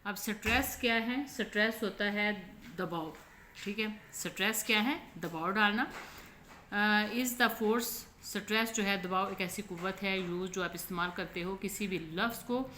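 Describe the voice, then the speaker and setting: A Pakistani woman teacher with a Pakistani Urdu accent gives an online lesson in a patient, mid-range voice with a sharp tone. She explains slowly and keeps asking "ठीक है?" The room is echoey, with faint background noise.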